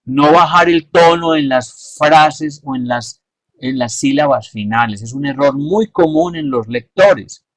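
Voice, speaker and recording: A man giving a measured, explanatory lesson and stressing his key points. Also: on the high side, a bit bright, dry recording. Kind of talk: instructional talk.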